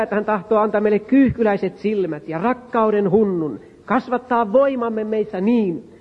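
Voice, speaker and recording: A man preaching a fervent revival sermon in a church, speaking emphatically and building up to loud, pleading prayer and an altar call. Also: high-pitched. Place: church sanctuary. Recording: dull sound with long hall reverb.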